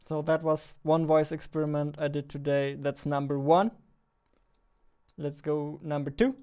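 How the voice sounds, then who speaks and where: A man's voice: a little high, fairly even intonation, measured pace, darkish tone, smooth. A young man with a German accent, chatting casually in a game development vlog. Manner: chatty, self-deprecating, laughs often.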